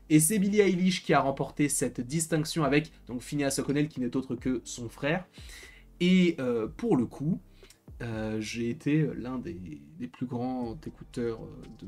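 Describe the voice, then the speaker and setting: A man's voice: medium pitch, a little mellow. Hesitant man talking over faint music. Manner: hesitant, many fillers and restarts. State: a bit tired. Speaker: film commentator. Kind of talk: casual commentary.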